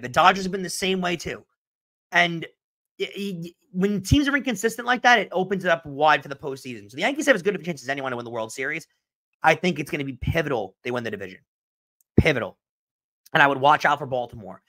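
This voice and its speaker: A young man hosting a solo sports podcast, answering listener questions in an animated, emphatic way and repeating his points. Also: a little high. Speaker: podcast host.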